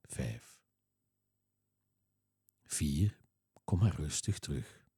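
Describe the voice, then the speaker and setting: A man leads a relaxation exercise, his low voice slow and soothing. The tone is dark and very husky. The recording is close and dry, with no room sound. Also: dry recording. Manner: slow, soothing, calm instructions. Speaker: relaxation guide. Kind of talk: guided relaxation script.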